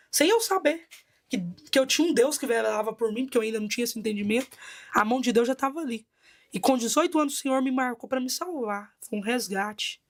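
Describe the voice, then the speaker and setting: A Brazilian woman with a Brazilian Portuguese accent gives a personal testimony as a bishop. Her voice sits a little high. She retells events vividly and dramatically.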